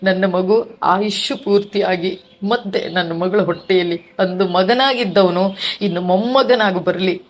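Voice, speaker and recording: A woman's voice: mid-range voice, a little slow. A middle-aged woman giving an emotional personal testimony about her loss, grieving, repeating words and restarting her sentences. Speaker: devotee sharing her testimony.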